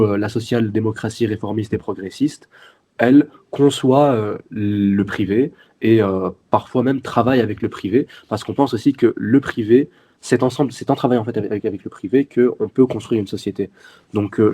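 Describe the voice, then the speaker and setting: A man's voice: fairly low pitch, mellow, husky. A 21-year-old man with a Belgian French accent, answering interview questions earnestly as a guest, with many fillers and restarts. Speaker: guest, youth party section president.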